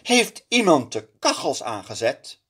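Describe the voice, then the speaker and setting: A man reading a picture book aloud, voicing a young princess in a high, shrill, girlish voice. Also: very animated, measured pace, fairly bright tone, slightly rough, exaggerated voice. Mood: cross. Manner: high shrill girlish voice, strict then tearful. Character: young princess, spoiled and bossy but loving.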